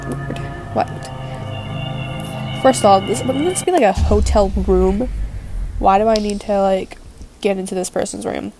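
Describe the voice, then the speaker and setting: Young woman with a cold, stuffy and gravelly, slow-talking gameplay commentary with game music behind. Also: medium pitch, rough recording. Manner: rambling, lots of filler "like". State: stuffy and sick, coughing. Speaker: gaming video host.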